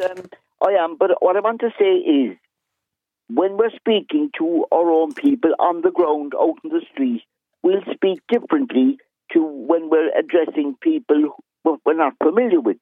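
A man's voice: a little high, moderate pace, no echo. Cork-accented man on a phone line. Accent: Cork Irish. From Cork, Ireland. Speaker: radio phone-in caller. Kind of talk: conversational opinion. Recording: phone line to radio show.

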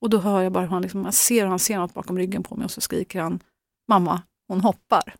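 A middle-aged woman telling a painful family story, halting and full of fillers and restarts. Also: fairly low pitch, level tone, creaky, darkish tone, no room sound. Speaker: guest, mother. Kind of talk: emotional personal account.

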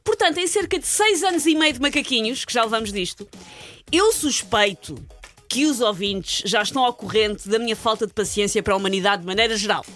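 A woman's voice: on the high side, animated, a little fast, a bit bright, soft background music. A woman host with a European Portuguese accent, ranting sarcastically in comic chat-show banter.

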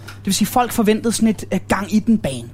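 A man with a fairly high voice chats backstage as an animated storyteller, cursing freely as he talks. There is a light hiss of noise under the recording. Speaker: band member being interviewed. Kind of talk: casual backstage chat. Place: backstage room.

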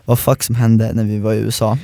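A man's voice: lowish voice, flat delivery, gravelly, mellow, no echo, studio quality. A young man, co-hosting a casual podcast and chiming in with reactions. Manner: chatty, chimes in with reactions. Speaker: podcast co-host.

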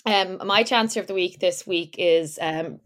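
A woman's voice: lowish voice, measured pace, a bit bright. A young Irish woman co-hosting a podcast, chatting casually with lots of laughter and filler words. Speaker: podcast co-host. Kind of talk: casual chat.

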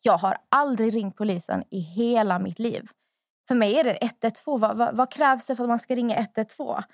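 A young woman hosting a podcast, telling a personal story in a lively, animated way. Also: a little high, dry recording, clean studio sound. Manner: animated anecdote-telling, acts out what others said. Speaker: podcast host. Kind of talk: casual storytelling.

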